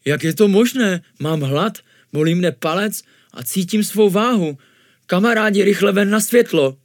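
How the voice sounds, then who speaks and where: A man's voice: sits high, dry recording, clean studio sound, pitched above the performer's own voice. A man doing a teasing ghost monk. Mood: alarmed. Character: joking, bossy ghost monk, male.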